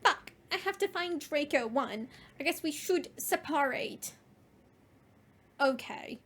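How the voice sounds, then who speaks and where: A woman's voice: high voice, animated, takes it slowly, a bit bright. A woman doing a comedic dramatic reading of a bad story, giggling and reading lines with mock drama. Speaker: streamer reading aloud.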